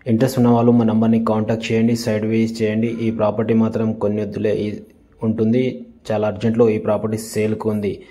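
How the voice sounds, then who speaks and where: A man giving a casual tour of farmland for sale, repeating his sales pitch with polite fillers, outdoors on a rural farm. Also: monotone, quick pace, mellow. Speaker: property dealer showing land. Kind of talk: casual property tour vlog.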